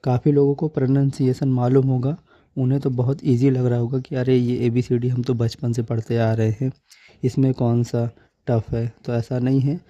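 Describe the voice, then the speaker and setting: A man's voice: mid-range voice, level tone, moderate pace, dark tone, no echo, dull audio. A man teaching English letter sounds in Hindi, patient and repeating each sound several times. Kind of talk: slow, explanatory Hindi lesson.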